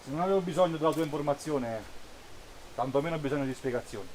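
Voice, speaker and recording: A man's voice: a little high, fast, a little mellow, a little hiss or hum, lightly acted, low-quality recording. An actor playing a lonely, self-pitying young man in a short film, defensive and talking outdoors at night.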